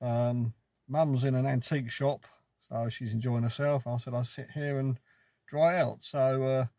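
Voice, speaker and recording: Out on location with a handheld phone, a man vlogging his holiday narrates the sights casually and matter-of-factly, off the cuff. His warm, mid-range voice is a little slow with fairly even intonation and no room sound, while clear ambient noise and occasional rain come through.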